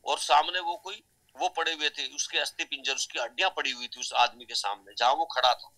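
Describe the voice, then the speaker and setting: Middle-aged guy giving a pep talk w a story, chatty, bright sharp voice, bit high. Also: fairly quick, rough recording. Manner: chatty, keeps checking with listeners. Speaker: network marketing trainer.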